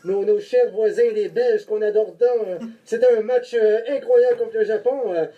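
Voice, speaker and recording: A man with a French accent calling in to a podcast, chatting in a relaxed, joking way with lots of fillers. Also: high voice, moderate pace, highs cut off. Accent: French from France. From Marseille, France. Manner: laid-back, drawling, filler-heavy. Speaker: phone-in caller. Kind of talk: joking call-in chat.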